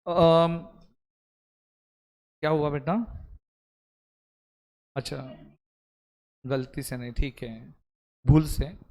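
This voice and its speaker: A man's voice: a little high, drawn-out words, pauses often, darkish tone. A man teaching an accounting class, quizzing and scolding his students, mixing Hindi with Indian-accented English terms. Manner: scolds and quizzes students, calls them beta. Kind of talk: live class lesson.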